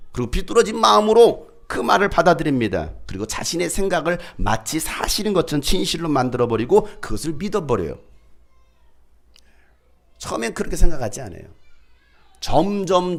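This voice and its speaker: A male pastor preaching a sermon, dramatically acting out people's complaints in raised voices. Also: a little high. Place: church.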